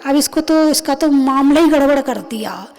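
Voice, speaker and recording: A woman's voice: sits high, expressive, moderate pace, darkish tone. A woman, a Jain nun, giving a sermon, speaking emphatically and asking and answering her own questions. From India. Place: recorded during a religious discourse.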